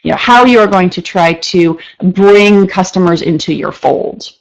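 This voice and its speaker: A woman teaching a live online marketing class. She talks quickly and chattily, with many fillers and restarts. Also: lowish voice, creaky, poor audio. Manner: fast-talking, says she speaks fast when excited. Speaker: marketing instructor.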